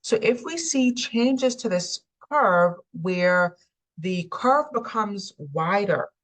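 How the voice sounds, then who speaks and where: A woman's voice: mid-range voice, lively intonation, takes it slowly, rough recording. A woman lecturing on anatomy, explaining steadily with frequent ums. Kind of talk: recorded lecture.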